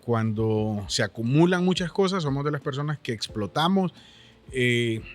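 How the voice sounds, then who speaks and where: Honduran man guest, earnest and reflective, middle-of-the-road pitch. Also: animated, normal speed, faint music behind. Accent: Honduran Spanish. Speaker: podcast guest. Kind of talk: reflective conversational chat.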